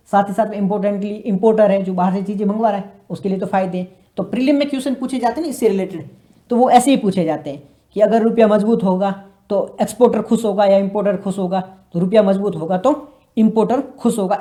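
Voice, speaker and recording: A man's voice: high-pitched, warm tone. A man giving a casual current affairs lesson for exam students, mixing English terms into his talk and asking and answering his own questions. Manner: mixes English terms into Hindi. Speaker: exam prep teacher.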